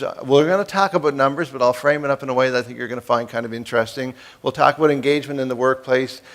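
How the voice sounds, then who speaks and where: Joking fifty-something man giving a keynote. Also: mid-range voice. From East Coast. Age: 50s. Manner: folksy, joking, asks the audience questions. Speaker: keynote speaker. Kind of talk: motivational keynote speech.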